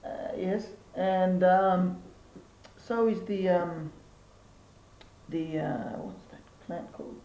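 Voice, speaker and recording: A man's voice: high-pitched, slow, pauses often, warm tone, highs cut off. A man playing a vague, forgetful plant professor who hesitates and forgets names. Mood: hesitant. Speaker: mock expert interviewee. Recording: roomy with faint background noise.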